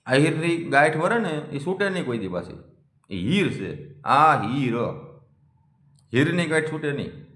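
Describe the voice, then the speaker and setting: A man's voice: a little high, very animated, unhurried, long pauses, a bit bright. A man, speaking a defiant, scolding monologue that challenges his critics. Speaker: community vlogger. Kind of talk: confrontational monologue. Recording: echoey room.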